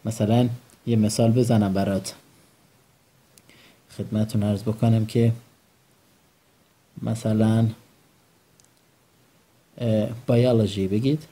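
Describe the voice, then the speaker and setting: A man's voice: lowish voice, fairly even intonation, long pauses, warm tone. A man teaching English vocabulary, quizzing his students and having them repeat each word back. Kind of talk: vocabulary lesson with call and response drills.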